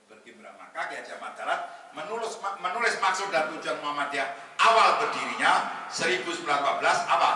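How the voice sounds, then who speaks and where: A man's voice: fairly high pitch, distant mic. Jokey man in an echoey hall. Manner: jokey, lively, mixes Arabic verses with banter. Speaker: head of a national Muhammadiyah institute, guest speaker. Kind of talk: humorous religious talk to a gathering. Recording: echoey hall, voice from afar, faint noise.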